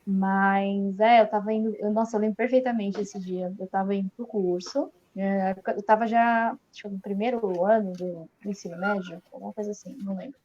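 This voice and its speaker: A young Brazilian woman, a guest on a live video chat, telling a story in a lively way and laughing often. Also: medium pitch, a little fast, few pauses, muffled recording.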